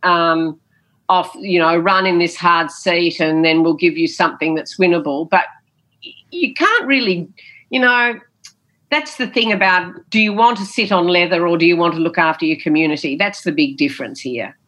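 Heard through a low-quality recording, a former politician responds to an interviewer at a moderate pace in a lowish, fairly bright voice. Her style is big and theatrical, full of emphatic storytelling, repeated phrases and frequent "you know."

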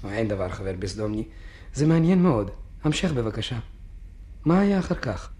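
A man voicing a calm psychiatrist in a radio drama, soothing and patronizing toward his patient. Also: mid-range voice, lightly acted. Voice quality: soothing, placating. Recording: music playing behind.

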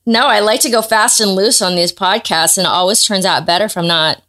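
Excitable woman podcast host. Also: medium pitch, brisk. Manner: loose, excitable, laughs easily. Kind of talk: casual interview chat.

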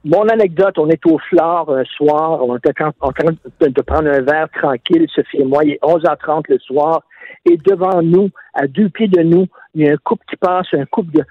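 A man's voice: on the high side, normal speed, no room sound, phone-quality sound. A man calling in as a radio guest, telling stories with mock indignation. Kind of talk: casual radio chat.

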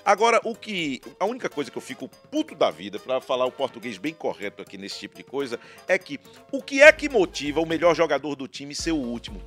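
A man's voice: a little high, fast, hardly any pauses, faint music behind. A man, a sports commentator, talking casually on a football panel and telling stories with animation. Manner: animated storyteller, frequent restarts.

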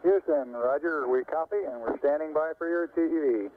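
A man's voice: on the high side, normal speed, narrow, tinny audio. A man speaking in clipped radio calls over a crackly space radio transmission that keeps breaking up. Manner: clipped radio call procedure. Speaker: mission radio voice. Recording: static-filled archival space radio.

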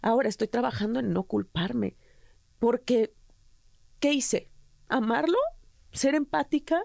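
A woman's voice: a little high, lively intonation, unhurried, gravelly, a little mellow, no echo, studio quality. A Mexican woman with a Mexican accent, an interview guest telling her story earnestly and emotionally, often restarting her sentences. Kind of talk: candid personal interview.

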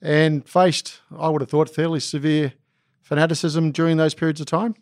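A male podcast host reads a scripted introduction and poses interview questions in a measured way. His voice sits on the high side with a level tone, recorded in clean studio sound with no echo.

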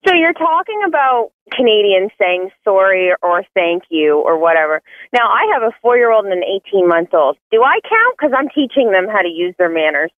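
Animated caller on a tinny phone line. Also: mid-range voice, normal speed, few pauses, no room sound. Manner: animated, acts out apologetic voices. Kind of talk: phone-in call.

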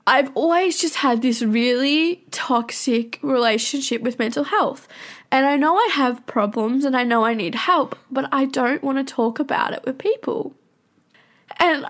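A young woman speaking candidly in a personal confessional monologue, swearing often and talking in fast bursts. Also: high-pitched.

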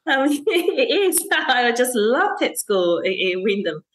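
A Malaysian woman who teaches STEM and serves as a councillor answers interview questions hesitantly, full of fillers, restarts and frequent laughs. Her voice is a little high and sing-song, fairly bright, and she takes her time.

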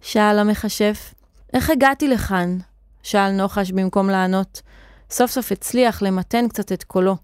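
Woman storyteller reading a kids' serial story, clear and expressive, dry close sound. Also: mid-range voice, dry recording. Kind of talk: scripted children's story narration.

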